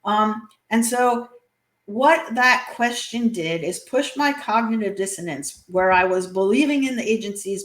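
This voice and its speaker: Earnest woman guest in an echoey room. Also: medium pitch. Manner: earnest, many fillers and restarts. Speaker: guest author. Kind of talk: interview conversation.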